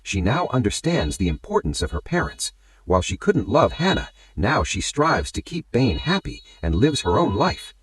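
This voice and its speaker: A man's voice: mid-range voice, moderate pace, a little hiss or hum. A man narrating a movie recap as a story, often calling his listeners friends. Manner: addresses listeners as friends, lively rising and falling delivery.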